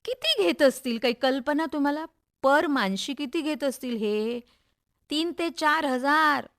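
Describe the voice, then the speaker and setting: A middle-aged, middle-class mother in a radio monologue. Her voice sits fairly high, with a Maharashtrian accent and an expressive, wry, gossipy way of confiding in the listener. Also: unhurried, heavily acted. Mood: wry complaining.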